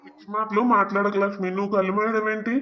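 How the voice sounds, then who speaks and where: A man's voice: sits high, level tone, very fast, highs cut off, lightly acted. An actor voicing a poor young village husband pleading and arguing for his sick wife in a cartoon drama. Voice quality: pleading, emotional.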